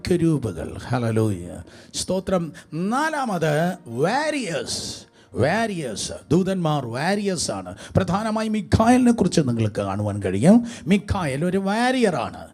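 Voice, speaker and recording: A man delivers a sermon before a congregation with a voice pitched a little high, swinging widely up and down. He calls out for the crowd to repeat phrases and drops English words into his speech. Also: huge pitch swings, a little slow, a little mellow. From India. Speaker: preacher.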